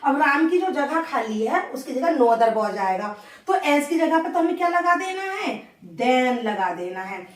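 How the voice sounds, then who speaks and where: A woman teaching an English grammar lesson step by step. She dictates the example sentences slowly, word by word, and keeps checking in with the class with a rising "okay". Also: high voice, lively intonation, echoey room, recorded from a distance.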